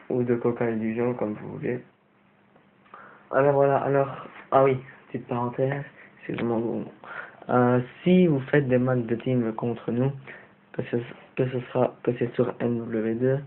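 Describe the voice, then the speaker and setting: A young man from Belgium with a Belgian French accent, giving a rambling, hesitant tour in a casual vlog, full of fillers. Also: mid-range voice. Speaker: vlogger. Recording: tinny lo-fi phone-like audio with hiss.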